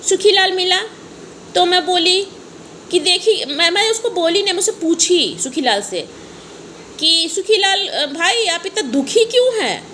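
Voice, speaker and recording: A woman's voice: very high voice, animated, unhurried, pushed and bright. A woman telling a playful, teasing story to her pet parrots, sing-song and repetitive. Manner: sing-song, teasing, repeats phrases, laughs while talking. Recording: noisy home recording.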